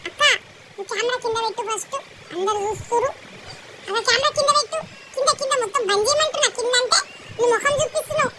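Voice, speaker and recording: A young girl, chatting excitedly and bossily, whispering secrets as she narrates a family vlog. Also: very high-pitched. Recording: loud background noise.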